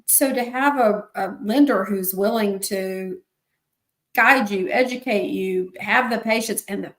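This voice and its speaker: A woman's voice: mid-range voice, a little slow, a bit bright. A woman interviewer who reflects enthusiastically on what her guest has said. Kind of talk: interview conversation. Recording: echoey room.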